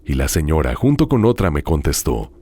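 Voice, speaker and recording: Male horror-story host, very deep and slightly raspy, expressive dramatic delivery. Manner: dramatic, hushed storytelling with drawn-out pauses. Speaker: host reading listener horror stories. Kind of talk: scripted horror narration.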